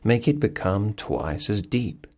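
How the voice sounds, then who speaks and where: A man guiding a hypnosis session, giving soothing, repetitive suggestions to relax deeper. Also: big pitch swings, slow, a little mellow.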